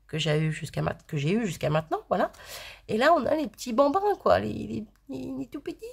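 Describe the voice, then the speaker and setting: Rambling, giggly woman vlogger. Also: medium pitch. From France. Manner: rambling, giggly, gushing, self-interrupting. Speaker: craft vlogger. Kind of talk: casual chat.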